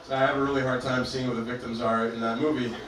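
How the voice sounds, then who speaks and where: A man from Albania doing a stand-up comedy set in a club with a deadpan, self-deprecating delivery. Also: mid-range voice, fast, very echoey, distant mic, very noisy. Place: comedy club stage, performing to a live audience.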